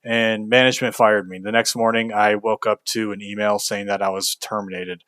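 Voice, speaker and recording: A man's voice: lowish voice, steady tone, normal speed, a bit bright, no echo. A young man from Kentucky telling a frank, casual story about a bad job, venting with fillers and the odd curse. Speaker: video host.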